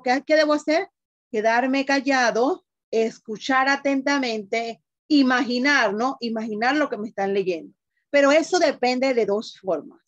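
A woman's voice: high voice, no room sound, highs cut off. A woman teacher giving an online class, explaining patiently and asking the class questions.

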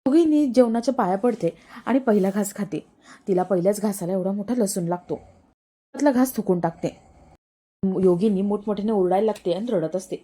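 Mellow-voiced woman narrating a recap. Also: mid-range voice, a little fast. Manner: plain storytelling. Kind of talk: reading a TV serial recap.

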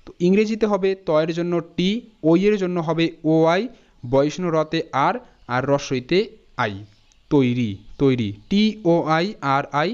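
Man slowly spelling out words. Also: on the high side, clean tone. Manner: slow, spells words out letter by letter. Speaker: teacher. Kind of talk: spelling lesson. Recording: dull lo-fi sound.

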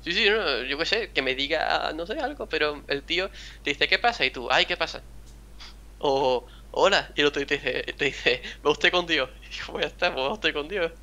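Hosting a casual talk over a video game, a young man from near Seville speaks with a mild Andalusian Spanish accent. His voice is fairly high, expressive and sharp, moving at a normal speed. He rambles and chats freely, acting out quotes as he goes.

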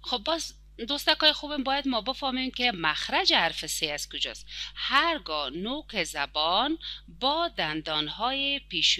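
A woman with an Afghan Dari accent teaching a children's lesson, stretching out words slowly for young pupils. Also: mid-range voice, sharp tone, no room sound. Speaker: primary school teacher.

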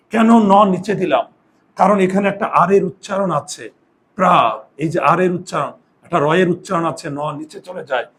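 Speaking in a husky, high-set voice, this man teaches Bengali grammar, leading his class through spelling one step at a time and answering the questions he raises.

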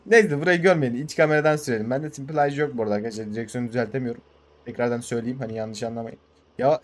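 Young turkish guy doing lets play commentary, gets worked up, yells at his tractor, engine noise behind. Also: medium pitch. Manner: excitable, swears, talks to his tractor. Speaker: gaming channel host. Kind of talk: casual game commentary.

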